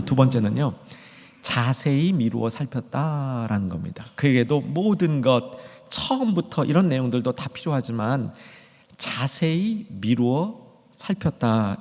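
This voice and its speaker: A middle-aged pastor delivering a sermon, moving from quiet storytelling to emphatic, high exhortation. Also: male voice. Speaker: senior pastor. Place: church sanctuary. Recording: long church reverb.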